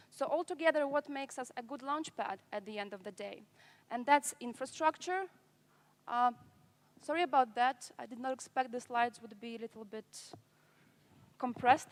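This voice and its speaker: A woman's voice: fairly high pitch, fairly bright tone. A woman from Latvia giving a chatty, self-deprecating conference talk on stage, with many fillers. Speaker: conference speaker from a government agency. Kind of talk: conference presentation.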